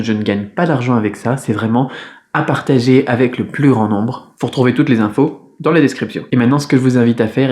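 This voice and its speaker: A man's voice: medium pitch, a little mellow. Patient French man teaching Mandarin. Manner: patient, repeats sounds slowly and clearly. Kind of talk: video lesson.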